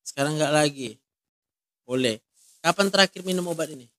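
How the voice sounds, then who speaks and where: High-voiced man counseling with short probing questions. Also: brisk, sharp tone, dry recording. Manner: direct, asks many short probing questions. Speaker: counselor in a ministry. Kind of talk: one-on-one counseling talk.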